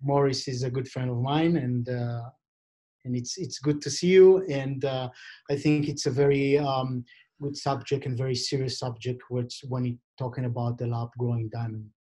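On a webcam video call from an office, a middle-aged Israeli diamond expert and vendor is interviewed in English. His voice is medium-pitched for a man, mellow and fairly even in intonation, and he speaks haltingly, often pausing with fillers and restarting sentences as he searches for words.

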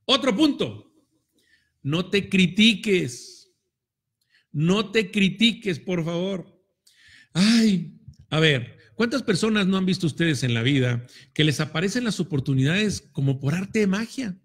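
A Mexican man with a high voice delivers a motivational talk straight to his audience. He is playful and blunt, slips into little acted-out voices and throws in casual swearing. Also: lively intonation, unhurried, breathy edge. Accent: Mexican Spanish. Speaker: motivational speaker.

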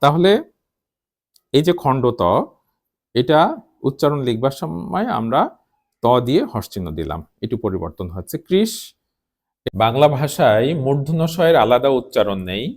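A man teaching a Bengali pronunciation lesson, sounding out words slowly syllable by syllable. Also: mid-range voice, big pitch swings, darkish tone. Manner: slow, deliberate syllable-by-syllable explanation.

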